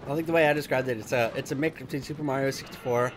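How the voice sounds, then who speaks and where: A man's voice: medium pitch, steady tone, racing, background noise. A man co-hosting a let's play, cracking jokes and swearing as he plays. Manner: joking, giggly, swears freely. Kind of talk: casual gameplay commentary.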